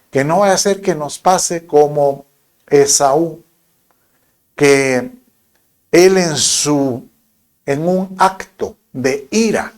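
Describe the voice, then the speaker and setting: A man with a Guatemalan accent preaches a sermon, his voice sitting a bit high for a man. He speaks in a conversational way, weaving in stories from daily life and acting out the voices of the people he quotes. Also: a little mellow. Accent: Guatemalan Spanish. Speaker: pastor.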